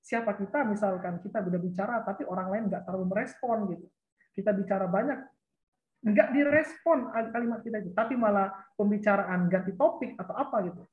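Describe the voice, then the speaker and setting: A woman's voice: mid-range voice, brisk. A woman giving an educational talk to school counselors, explaining step by step and repeating her points with small tag words. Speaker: counseling lecturer. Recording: roomy, dull lo-fi recording.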